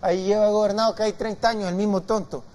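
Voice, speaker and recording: A man's voice: high-pitched, steady tone, fast talker, darkish tone. A man, chatting as an analyst on a TV talk show, hesitating with many fillers and restarts. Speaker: guest analyst. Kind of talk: casual TV talk show discussion. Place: TV studio.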